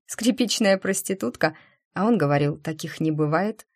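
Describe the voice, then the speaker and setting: A woman's voice: fairly low pitch, lively intonation, normal speed, darkish tone. A woman voicing a flustered, shaken young female violinist.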